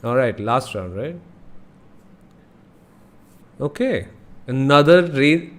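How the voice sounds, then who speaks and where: A man's voice: mid-range voice, lively intonation, slow pace. A young man with an Indian accent giving casual live game commentary, thinking aloud with frequent exclamations. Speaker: live streamer playing a geography guessing game. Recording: noticeable background noise.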